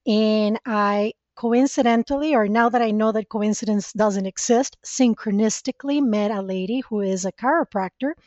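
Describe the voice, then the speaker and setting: A woman's voice: mid-range voice, normal speed, hardly any pauses, a little mellow, no room sound, dull audio. A woman from Costa Rica, a spiritual mentor, telling her personal story earnestly as a guest in a conversational interview.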